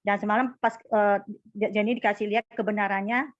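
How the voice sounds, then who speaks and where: Animated woman telling a testimony, lo-fi. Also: medium pitch, a little fast, no room sound. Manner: animated storytelling, acting out dialogue. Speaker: church member sharing a testimony. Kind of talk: casual spoken testimony.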